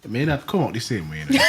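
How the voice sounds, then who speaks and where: A man, co-hosting a casual panel chat. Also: mid-range voice. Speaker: co-host.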